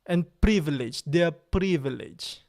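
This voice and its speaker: An Italian-accented man hosts a casual live stream from his computer, joking playfully and repeating himself. His voice sits fairly high, with a darkish tone and an unhurried pace.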